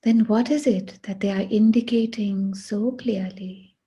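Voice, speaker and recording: Guiding a meditation, a woman moves at a very slow pace, placing long pauses between short phrases. Her mid-range voice is very husky and breathy, soft and mellow, delivered in a hushed, deliberate way with fairly even intonation.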